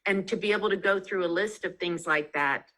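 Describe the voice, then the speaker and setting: Woman author on a video call, low bright voice, lots of ums. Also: brisk, rough recording. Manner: chatty, with frequent ums and restarts. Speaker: author being interviewed. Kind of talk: casual interview chat. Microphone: video call mic.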